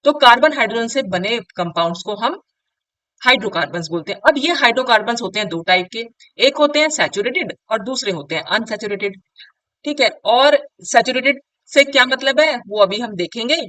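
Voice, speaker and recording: A woman's voice: on the high side, animated, brisk, fairly bright tone, recorded from a distance, poor audio. A woman chemistry teacher giving a lecture, explaining step by step, mixing textbook English lines into her talk, and often checking in with her students. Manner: calls students "beta" and checks in with "ठीक है". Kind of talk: classroom lecture.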